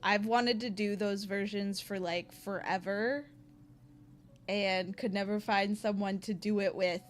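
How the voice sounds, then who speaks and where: A woman's voice: mid-range voice, steady tone, measured pace. A young woman streaming and chatting casually with her viewers, full of slang and filler words.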